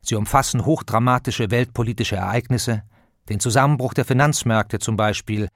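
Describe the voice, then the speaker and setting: A man reading an audiobook introduction in a measured, even studio narration. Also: medium pitch, dry recording.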